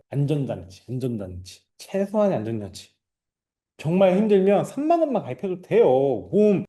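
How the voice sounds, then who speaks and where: A man teaching financial planners in a lively lecture, acting out scolding clients and family members as he explains. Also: on the high side. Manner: animated, acts out scolding customers and clients.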